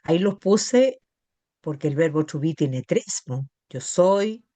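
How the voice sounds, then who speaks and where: A woman's voice: low voice, animated, slow pace, mellow, no room sound. A middle-aged woman teacher with a Chilean Spanish accent, patiently explaining grammar to a class and often checking that students follow. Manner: patient, checks understanding with tag questions. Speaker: English teacher.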